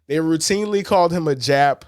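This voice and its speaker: A man's voice: fairly high pitch, brisk, darkish tone, dry recording, studio quality. A man co-hosting a sports podcast in casual talk, blunt and profane, telling stories animatedly and quoting others. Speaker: podcast co-host.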